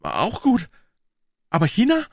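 A man voicing an excitable middle-aged pawnbroker who talks in high, eager exclamations in an audiobook. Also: unhurried, creaky, dry recording, studio quality, heavily acted. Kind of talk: audiobook character voice.

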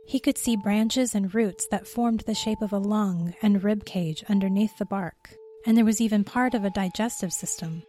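A woman narrating a scripted story in a steady, even reading voice. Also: medium pitch, moderate pace, hardly any pauses.

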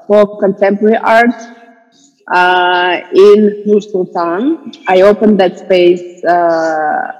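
A woman's voice: medium pitch, in a large hall, low-quality recording. A woman from Kazakhstan, an art curator, speaking hesitantly with many fillers as a podcast guest. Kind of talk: podcast interview.

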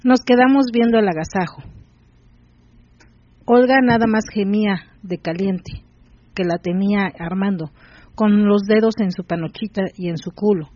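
A host reads an erotic story aloud in a steady first-person voice. The recording is dull and lo-fi with a dry, close sound. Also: mid-range voice, normal speed, no room sound. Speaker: podcast host.

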